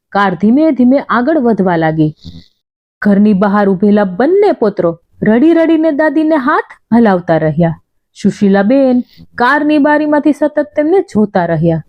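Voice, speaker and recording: A woman's voice: on the high side, warm tone. A woman telling a story in scripted, emotional narration.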